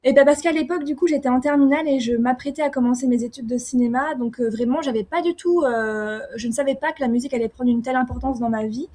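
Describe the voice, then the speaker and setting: Hesitant young woman, slightly high voice. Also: fast talker, few pauses, dark tone. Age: young adult. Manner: hesitant, many fillers and restarts. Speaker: singer-songwriter guest. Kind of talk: casual interview answers.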